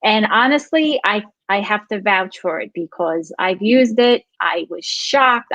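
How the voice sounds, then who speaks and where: A woman's voice: medium pitch, no room sound, highs cut off. A woman hosting a live online talk show, opening it up and introducing her guest with enthusiasm. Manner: upbeat, enthusiastic. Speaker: host.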